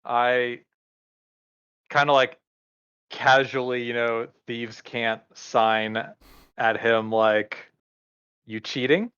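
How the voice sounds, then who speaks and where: A man's voice: medium pitch, completely flat delivery, drawn-out words, pauses often, bright, forceful tone, clear, resonant tone, no room sound, muffled recording. A man playing a character in a tabletop game, describing his actions in a casual, rambling way. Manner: casual, rambling with many fillers. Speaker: player.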